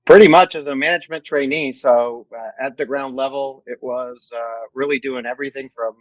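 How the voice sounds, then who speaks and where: Male guest from Mexico, about forty, mid voice, deliberate answers, dry recording. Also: mid-range voice, steady tone, dry recording, low-quality recording. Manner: measured, restarts phrases while thinking. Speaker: guest, company executive. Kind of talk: casual interview.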